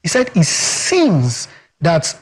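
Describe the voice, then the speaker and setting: Slow and fairly high-pitched, with huge swings in pitch, a Yoruba-accented Nigerian man makes his case as a communications expert on a TV studio interview. Slight background noise sits under his emphatic, rhetorical delivery, peppered with "guess what" and "you understand."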